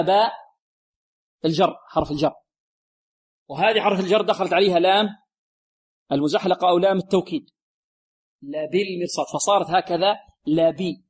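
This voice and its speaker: Male tajweed teacher, high pitch, runs a question-and-answer lesson. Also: poor audio. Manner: explains rules, asks pupils questions and gives the answers. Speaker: Quran recitation teacher. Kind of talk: tajweed lesson with call and response. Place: radio lesson.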